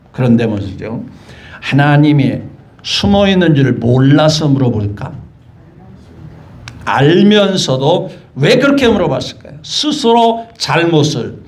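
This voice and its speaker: A male pastor preaching a sermon in a church, lively and constantly putting questions to the congregation. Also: a little high. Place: church sanctuary.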